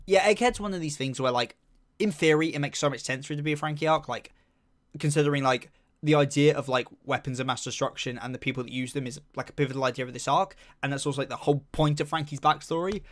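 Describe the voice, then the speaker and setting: A man's voice: a little high, quick pace, fairly bright tone. A young man chatting casually on a live stream, reading chat and rambling with lots of fillers while humming to himself.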